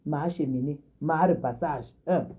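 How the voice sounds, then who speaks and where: A woman with a husky, breathy voice hits back at someone in a heated live-stream rant. She mocks her target and repeats her points again and again. Her voice comes through a tinny phone line. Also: deep voice, unhurried. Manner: confrontational, mocking, repeats herself. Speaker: social media personality.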